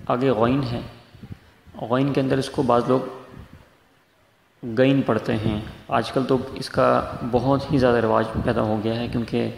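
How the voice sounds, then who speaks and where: A man's voice: medium pitch, gravelly. A man teaching Quran recitation, explaining letter sounds patiently and stretching out demonstrations. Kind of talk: tajweed lesson. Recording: echoey room with faint noise.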